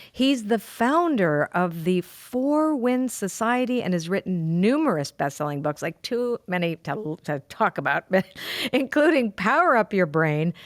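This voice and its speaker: Woman podcast host, middle-aged, chatty, effusive, low voice, dry sound. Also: no room sound. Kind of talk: podcast interview.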